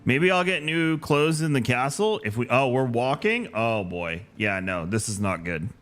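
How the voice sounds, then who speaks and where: A man's voice: mid-range voice, lively intonation, normal speed, fairly bright tone, soft background music. A man streaming a game, chatting casually and thinking aloud with jokes. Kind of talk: casual gameplay commentary.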